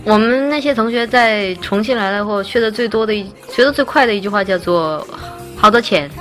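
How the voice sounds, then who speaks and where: A woman's voice: mid-range voice, a little fast. A young woman with a Chongqing accent, chatting casually and teasingly with viewers during a livestream. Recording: faint music behind.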